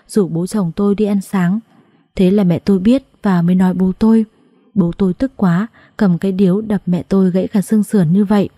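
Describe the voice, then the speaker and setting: A woman narrating a dramatic first-person family story in a brisk, vivid way. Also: lowish voice, mellow, no room sound, studio quality.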